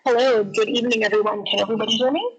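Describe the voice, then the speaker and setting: A woman's voice: fairly high pitch, fairly even intonation, rapid-fire, muffled recording. A woman speaking into a headset on an online call, her voice coming through garbled and glitchy as she politely checks whether everyone can hear her. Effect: garbled, glitchy call audio. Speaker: meeting delegate. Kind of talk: formal remarks on a call. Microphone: headset on a video call.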